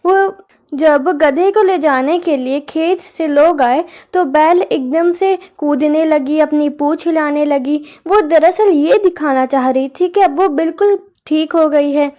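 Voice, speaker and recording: High-voiced woman storyteller. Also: a little slow, mellow. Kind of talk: scripted children's story narration.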